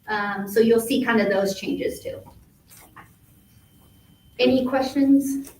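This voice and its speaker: A woman reports cheerfully on camps and youth programs at a public board meeting, dotting her talk with fillers. Her fairly high voice comes from a distance in an echoey meeting room with faint background noise. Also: takes it slowly, a little mellow. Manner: upbeat, filler-heavy report. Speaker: youth services staff presenter.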